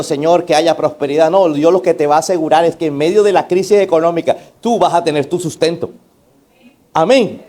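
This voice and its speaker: A male pastor preaching a sermon, emphatic, throwing rhetorical questions and call-outs to the congregation. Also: darkish tone. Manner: emphatic, varying between raised and low delivery.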